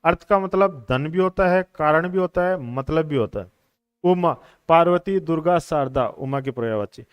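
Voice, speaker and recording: A man leads a coaching lesson on questions, patiently repeating each answer for his students. His voice sits a little high and sounds smooth and clear. The room is dry and close to the mic. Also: moderate pace, no echo, muffled recording. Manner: explains patiently, repeats answers, addresses students as brothers and friends. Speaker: exam coaching teacher. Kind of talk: classroom lecture on Hindi exam questions.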